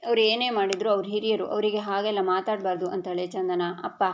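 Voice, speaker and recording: A woman narrating a TV serial episode recap, reading every character's lines in an even storytelling voice. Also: medium pitch, a little fast, slight background noise. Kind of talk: reading a serial recap aloud, voicing all dialogue. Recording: dull lo-fi audio.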